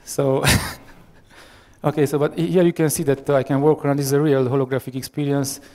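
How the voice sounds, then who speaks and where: A software architect in his thirties, speaking with a Romanian accent, runs a live tech demo through a headset mic before an audience in a large conference room. His mid-range voice is flat and a little fast, and he hesitates constantly, with many fillers and restarts. The big hall adds a long reverb.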